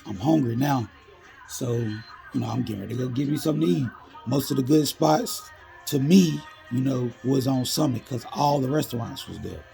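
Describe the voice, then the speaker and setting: A man's voice: medium pitch, moderate pace, vocal fry, dark tone, faint music behind. A man casually narrating a storytime in street slang, laid-back and full of "you know".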